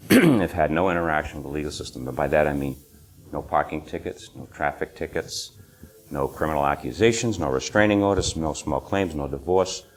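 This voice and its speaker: A man with a New England accent giving an informal, emphatic seminar talk to a small live audience, often repeating phrases and clearing his throat. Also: very deep voice. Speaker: presenter.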